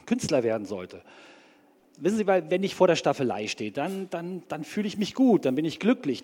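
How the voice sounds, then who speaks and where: An actor playing an anxious, earnest bank clerk who rambles hesitantly as a polite caller in a comedy sketch. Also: male voice, fairly high pitch, darkish tone, long reverb tail.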